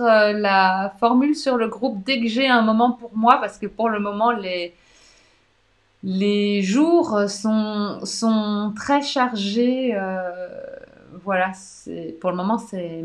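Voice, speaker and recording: A woman with a Belgian French accent, a pharmacist hosting a live online question session, chatty with many hesitations. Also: mid-range voice. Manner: chatty, warm toward viewers, many "euh" hesitations and restarts. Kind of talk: live online Q&A, reading and answering viewer comments.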